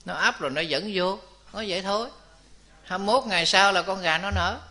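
A man preaches, telling a moral tale to his audience. His voice is bright and cutting, and it sits a little high for a man. He slips in and out of the voices of the people in his story. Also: a little fast. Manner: lively storytelling, acts out characters' voices, addresses the audience directly. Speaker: Buddhist preacher. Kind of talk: storytelling dharma talk.

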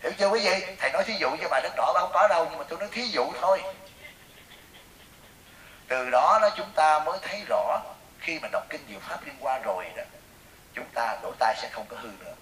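A man with a Southern Vietnamese accent, giving a Buddhist sermon as a teacher and telling lively stories that question the audience. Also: on the high side, brisk. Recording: echoey room, voice from far off, faint hiss.

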